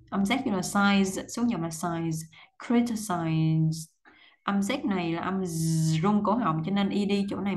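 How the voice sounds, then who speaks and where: A woman teaches English pronunciation in a mid-pitched voice. She reads sentences aloud and then breaks words down syllable by syllable, repeating each one slowly and carefully. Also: poor audio. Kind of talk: language lesson, reading and breaking down English sentences.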